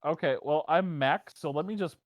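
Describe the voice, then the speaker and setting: A man chatting casually as a podcast co-host, blunt and swearing, his voice coming through an online call mic with uneven auto gain that overdrives it and then drops it very quiet. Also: a little high, normal speed, a loud crowd. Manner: blunt, swears when flustered. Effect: uneven auto gain, overdriven then very quiet mic level. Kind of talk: casual chat. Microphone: USB mic over an online voice call.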